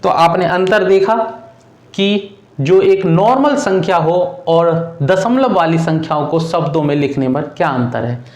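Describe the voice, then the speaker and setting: A man's voice: a little high, measured pace, darkish tone, reverberant. A male teacher who explains a math lesson to children patiently, repeating each step and calling the students "beta".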